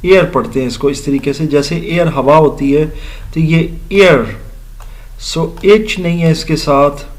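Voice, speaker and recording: A man teaching an English grammar lesson, explaining slowly, spelling out letters and repeating words for his students. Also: fairly high pitch. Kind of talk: recorded grammar lecture.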